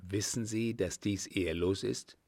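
A man voicing a courteous, proud young army lieutenant in a measured audiobook reading. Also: lowish voice, fairly even intonation, darkish tone, no echo. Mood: earnest.

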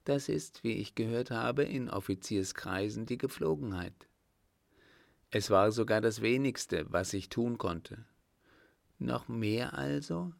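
A man voicing a courteous, proud young army lieutenant in a measured audiobook reading. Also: medium pitch, vocal fry, no room sound. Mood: earnest.

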